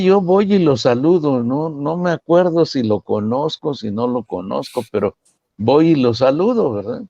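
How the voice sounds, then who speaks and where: Un hombre con acento mexicano que comenta temas religiosos en una charla, contando anécdotas con muchas preguntas retóricas. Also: male voice, mid-range voice, dry recording, highs cut off. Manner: lively, lots of rhetorical "¿no?" and "¿verdad?". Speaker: church member commenting. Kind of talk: religious discussion, storytelling.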